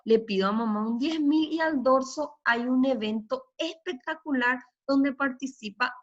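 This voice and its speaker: A woman teaching young pupils, speaking very slowly and patiently in a slightly high voice. She keeps checking that the children follow and praises them often. The audio is a little dull and lo-fi. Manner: slow, patient, checks in with "¿sí?" and "¿ok?" constantly. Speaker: primary school teacher. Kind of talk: recorded remote lesson.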